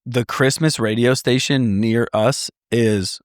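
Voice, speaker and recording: A man co-hosting a casual podcast from home, an enthusiastic and animated storyteller and a father of young kids. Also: mid-range voice, slow, no room sound, clean studio sound. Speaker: podcast co-host. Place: home in Southeast Michigan.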